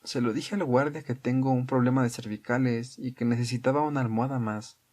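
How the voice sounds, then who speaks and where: A man voicing a hoarse, wounded young woman who jokes with mock indignation. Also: medium pitch, steady tone, a little fast, darkish tone, lightly acted. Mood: wry.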